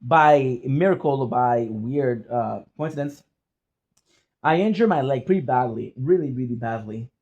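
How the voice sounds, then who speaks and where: A man with a French accent telling personal stories in a casual, rambling vlog style, often halting to repeat and correct himself. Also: mid-range voice, a little mellow, highs cut off. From France or French-speaking region. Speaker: content creator.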